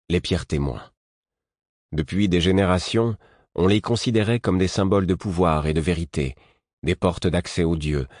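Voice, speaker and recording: A man reading a first-person audiobook in a measured, even storytelling manner. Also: deep voice, no echo, studio quality. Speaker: audiobook narrator. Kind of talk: scripted first-person narration.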